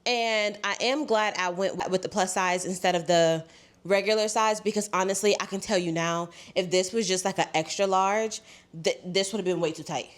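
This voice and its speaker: A woman's voice: mid-range voice, normal speed. A young woman, chatting casually through a clothing try-on haul, congested and a little out of breath, saying "y'all" a lot. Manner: chatty, says "y'all" often. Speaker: fashion haul vlogger.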